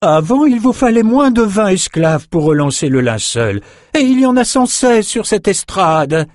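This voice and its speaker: Audiobook: man doing a defiant young woman, high voice. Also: sing-song, moderate pace, dry recording, clean studio sound. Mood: forthright.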